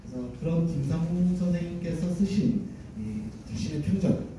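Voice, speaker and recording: A man's voice: on the high side, moderate pace, warm tone, slight background noise. A man moderating a book launch event, asking formal questions politely and deferentially. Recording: echoey hall from far off.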